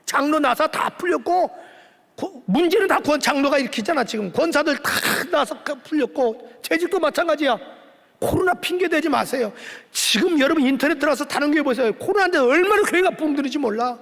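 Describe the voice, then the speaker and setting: A man preaching a sermon as the pastor of a church. He scolds the congregation with emphatic, sometimes shouted lines and acts out Bible dialogue. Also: very high-pitched, expressive, brisk, gravelly. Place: church sanctuary. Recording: church hall reverb.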